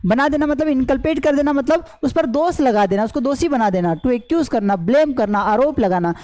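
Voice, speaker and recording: High-voiced woman teaching vocabulary. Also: lively intonation, normal speed, dark tone, low-quality recording. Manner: repetitive question-and-answer teaching, many fillers. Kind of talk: explaining lesson in Hindi with English terms. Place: online class recording.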